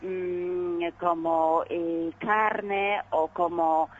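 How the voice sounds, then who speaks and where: A woman from Poland with a Polish accent, a non-native speaker in a radio interview, haltingly searching for words. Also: on the low side, little pitch movement, slightly rough. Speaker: ambassador being interviewed. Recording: dull, noisy phone call.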